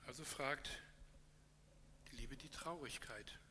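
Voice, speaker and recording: A man's voice: medium pitch, slow pace, pushed and bright. Earnest man preaching in an echoey hall. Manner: earnest, encouraging, with hesitations. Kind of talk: sermon closing with a read parable. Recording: echoey hall with faint hum.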